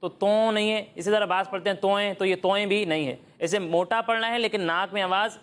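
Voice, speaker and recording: Children's Quran teacher, patient quizzing, slow demonstration of each sound, mid-pitched voice. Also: a bit bright. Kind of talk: children's Quran recitation lesson.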